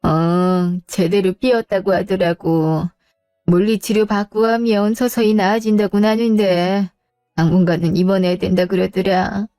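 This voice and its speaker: A woman's voice: medium pitch, flat delivery, measured pace, mellow, no room sound, studio quality, faint music behind, lightly acted. A woman voicing a retired mother in her sixties, sighing and muttering complaints to herself in a radio drama. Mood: hurt. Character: retired older mother, hurt and proud.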